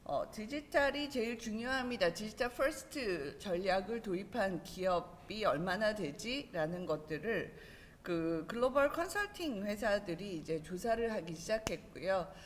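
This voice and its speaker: A woman's voice: mid-range voice, lively intonation, normal speed. A woman presenting formally at a conference as an education consultant. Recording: roomy hall with long reverb, faint noise.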